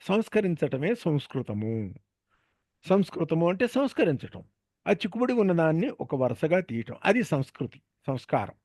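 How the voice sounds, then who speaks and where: A man's voice: on the high side, very animated, moderate pace, darkish tone, dry recording. A man with a Telugu accent teaches a grammar lesson in a somewhat raised voice. He explains patiently and keeps posing questions that he answers himself. The recording is dry and close, with no room sound. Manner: patient, asks and answers his own questions.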